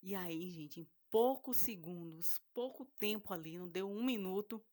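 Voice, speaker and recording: Woman telling a dramatic scary tale. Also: moderate pace. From Northeast Brazil. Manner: vivid and dramatic, voices her own panic with sudden loud high-pitched cries; repeats phrases for suspense and drops to hushed, whispered asides. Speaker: storyteller. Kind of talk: dramatic personal storytelling.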